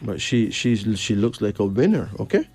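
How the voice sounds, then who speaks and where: A man's voice: lowish voice, big pitch swings, normal speed, a little mellow, breathy edge, faint music behind. A man from Barbados, chatting and reading cards, emphatic with rising questions. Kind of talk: casual chat and card reading.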